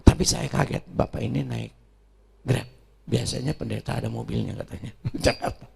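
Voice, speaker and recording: A middle-aged male pastor preaching a sermon with personal stories, swinging between quiet asides and loud, emphatic bursts. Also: medium pitch, moderate pace, slight background noise. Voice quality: gravelly and raspy.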